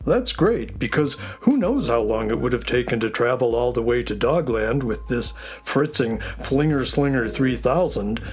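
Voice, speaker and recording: A man voicing a friendly, excitable space horse who looks after sounds, folksy and enthusiastic, in a children's audio story. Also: medium pitch, normal speed, hardly any pauses, slightly rough. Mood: upbeat.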